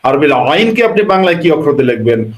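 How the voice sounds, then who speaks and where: A man's voice: a little high, very animated, quick pace. A man from Bangladesh, a religious scholar explaining an answer and piling up rhetorical questions. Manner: lecturing, piles up rhetorical questions. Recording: roomy echo.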